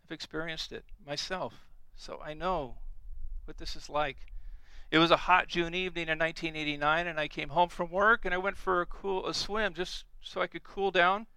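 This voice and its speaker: A man's voice: a little high, fairly even intonation, normal speed, bright, forceful tone, clear, resonant tone, no room sound, poor audio. A middle-aged man preaching a sermon, earnest and emphatic, repeating key phrases.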